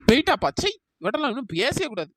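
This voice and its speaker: Quick-tongued, high-pitched, fiery cartoon village woman, woman voice actor. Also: sing-song, dry recording, clean studio sound, exaggerated voice. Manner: loud, abusive, argumentative. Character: hot-tempered quarrelsome village woman. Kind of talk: cartoon voice acting.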